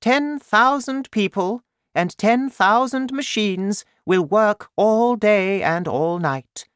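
A man's voice: sits high, slow, a bit bright, clean tone, dry recording, clean studio sound, voice pushed up. A man voicing a firm, commanding queen in a storybook reading. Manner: commanding, decisive. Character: stately, firm human queen, woman.

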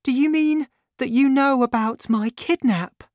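A woman voicing a frightened young woman who pleads in a high, strained voice. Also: unhurried, darkish tone, dry recording, clean studio sound. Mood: anxious.

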